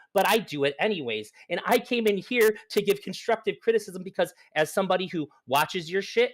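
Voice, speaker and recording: A man in a heated online debate, speaking bluntly and earnestly while his mic clips and distorts from being too close. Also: sits high. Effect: clipping distorted mic, peaking from being too close. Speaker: debate participant. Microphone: personal mic held too close.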